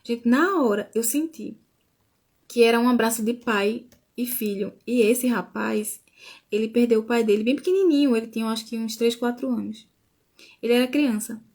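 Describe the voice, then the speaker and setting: A Brazilian woman with a fairly high, darkish voice shares a faith testimony at a moderate pace during a casual live stream. Her delivery is informal, full of restarts and frequent "né?"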